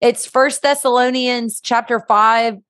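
Higher-voiced woman hosting a faith show, upbeat, kind of preachy. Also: steady tone, unhurried, a bit bright, clean tone. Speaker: podcast host.

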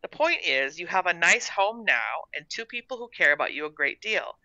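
A woman reading a story and voicing a schoolteacher who speaks gently but firmly, on a dull, dry recording. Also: lowish voice, animated, moderate pace, no room sound. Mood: gentle. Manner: gentle but firm, reassuring.

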